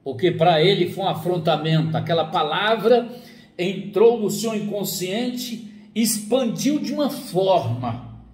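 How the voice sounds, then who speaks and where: A man's voice: sits high, measured pace. A man giving an explanatory talk as a psychologist, acting out parents and children as he speaks. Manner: animated, acts out quoted parents and children. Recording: echoey room with faint ambience.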